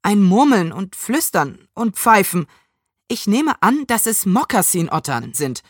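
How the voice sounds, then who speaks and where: A woman's voice: medium pitch, very animated, unhurried, dry recording, clean studio sound. A woman voicing an anxious, boastful young boy in a storybook reading, worried and insistent.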